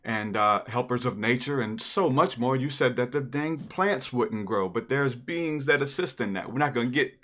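A man hosting a casual live-stream interview, relaxed and folksy, with a religious slant to his talk. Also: mid-range voice, moderate pace, hardly any pauses.

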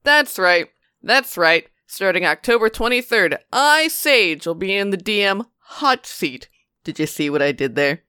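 Female tabletop podcast host and player, bright and clear, playfully theatrical, upbeat announcer delivery. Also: fairly low pitch, lively intonation, moderate pace, no room sound, clean studio sound.

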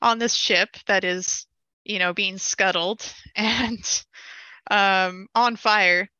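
A young woman casually telling a long gaming story, animated and laughing as she goes, with frequent fillers. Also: medium pitch, takes it slowly, clear, resonant tone, dry recording, highs cut off.

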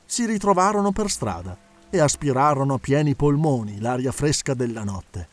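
A man narrating an audiobook in a steady, measured storytelling manner. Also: medium pitch, faint music behind. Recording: faint background hiss.

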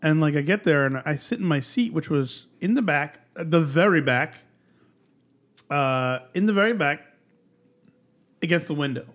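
Man, high voice, casual chat, rambling storyteller, cursing freely. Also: expressive, normal speed, long pauses, a bit bright. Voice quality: tall and large build said. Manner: rambling storyteller, swears freely, acts out quotes.

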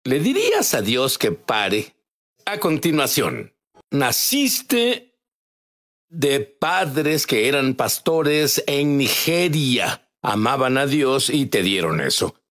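A man hosting an interview show, asking questions in a drawn-out, emphatic way. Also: mid-range voice, big pitch swings, fairly bright tone. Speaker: host.

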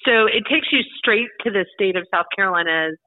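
A woman's voice: medium pitch, fairly quick, no echo. A woman calls in to a radio show, and her voice comes through a thin, tinny phone line with no room sound around it. She talks in a chatty, explanatory way, like a guest laying out the details. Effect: heard over the phone. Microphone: telephone.

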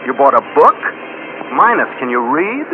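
An actor playing a dry, wisecracking detective's assistant in 1940s radio drama style. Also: male voice, medium pitch, big pitch swings, moderate pace, lightly acted. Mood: wry. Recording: muffled old radio broadcast with hiss.

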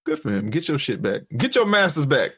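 A man's voice: fairly high pitch, big pitch swings, brisk, slightly rough, dry recording. Man: easygoing profane host, dry close mic. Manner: laid-back, profane, laughs often. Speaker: podcast host. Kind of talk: casual chat.

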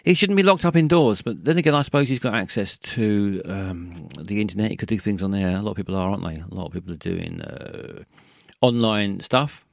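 A man hosting a call-in radio show, rambling in a halting way with many fillers and restarts. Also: lowish voice, vocal fry, dry recording, clean studio sound.

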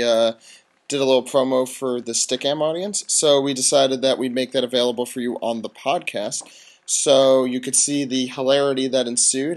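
A man hosts a podcast in loose, unscripted chat. His delivery is halting, and he stumbles over his phrasing as he addresses listeners. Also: medium pitch. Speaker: podcast host.

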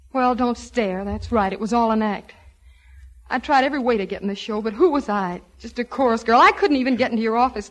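An actress playing a spirited young chorus girl in a 1940s radio comedy-drama, sweet one moment and sharp the next. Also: fairly high pitch, natural voice. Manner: sweet at first, then sharp and cutting.

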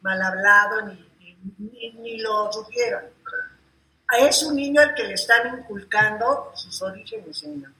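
Woman, bright voice, animated slangy storyteller, teasing, echoey room. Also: on the high side, measured pace. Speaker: gossip show co-host. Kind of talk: casual showbiz gossip chat.

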